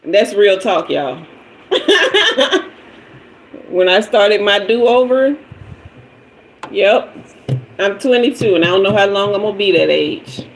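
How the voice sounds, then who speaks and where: Very animated yet slow, with long pauses, a woman in her fifties with a medium-pitched voice hosts a casual tarot livestream. She greets viewers playfully, asks for emojis, and keeps drifting away from and back to the mic, on a rough recording with a little hiss or hum.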